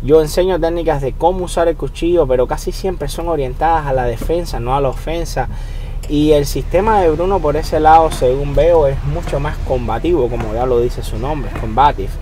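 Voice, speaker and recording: A man's voice: fairly high pitch, moderate pace, mellow, slight background noise. A middle-aged man, a martial arts instructor, explains his views in an earnest voice-over and often repeats words while he thinks. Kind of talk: voice-over commentary. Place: in the United States. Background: music.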